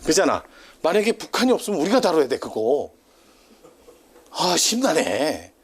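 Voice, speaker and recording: A man's voice: a little high, wildly swooping pitch, normal speed, breathy edge. A man giving a casual classroom lecture, chatty and teasing, drifting into tangents and laughing often.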